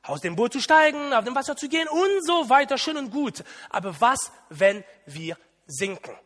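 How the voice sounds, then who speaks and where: A man's voice: extremely high pitch, sing-song, moderate pace, a bit bright, long reverb tail, voice pushed up, full character voice. A man voicing a skeptical churchgoer who lectures with doubting objections.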